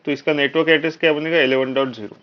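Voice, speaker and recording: A networking instructor with an Indian accent gives a live technical lecture, walking through each step and often checking in with his students while mixing in English technical terms. His voice is fairly high and steady, and he talks fast. The online class audio sounds dull and lo-fi.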